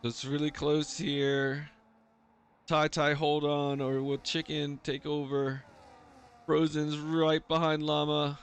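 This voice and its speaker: A man commentates live on an online motorsport race in a casual way. His voice sits a little high and has a lot of creaky fry. A faint buzz of engines runs behind his play-by-play. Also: level tone, slow, slight background noise.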